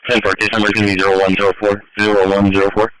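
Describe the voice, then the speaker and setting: A man's voice: lowish voice, completely flat delivery, rapid-fire. A man working as a police dispatcher, giving clipped, procedural radio traffic over a two-way radio. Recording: police scanner radio with background voices.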